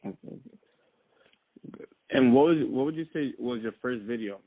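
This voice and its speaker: A man hosting a casual interview, asking short, relaxed questions. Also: mid-range voice, normal speed, dry recording. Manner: relaxed, brief questions, says okay often. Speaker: interviewer host. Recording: tinny phone-line sound.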